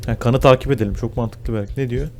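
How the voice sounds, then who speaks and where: A young man giving casual horror game commentary, swearing a lot and yelping and shouting when he gets startled. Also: medium pitch, steady tone, fast, a little hiss or hum. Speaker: gaming YouTuber.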